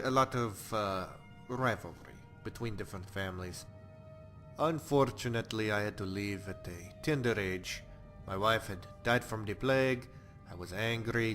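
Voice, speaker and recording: An actor playing a blunt, bloodthirsty male Nord warrior exile in a game, talking about violence in a deadpan, matter-of-fact way. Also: on the low side. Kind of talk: game character monologue.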